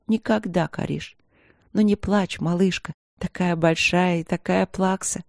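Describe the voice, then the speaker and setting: A woman voicing a gentle, tired eldest sister princess, speaking softly and tenderly in a storybook reading. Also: on the low side, steady tone, unhurried, vocal fry, dry recording, clean studio sound. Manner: soft, tender, subdued.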